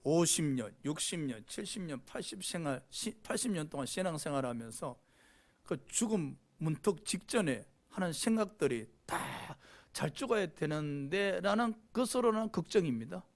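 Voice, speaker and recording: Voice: mid-range voice, lively intonation, normal speed. A pastor preaching a sermon with passion, often prompting the congregation with a questioning "eh?". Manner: impassioned preaching, frequent rhetorical "eh?" prompts to the congregation.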